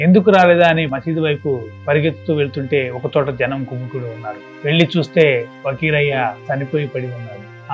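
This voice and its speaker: A man narrating a story dramatically, his loudness rising and falling. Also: on the high side. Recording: dull lo-fi with music behind. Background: background music.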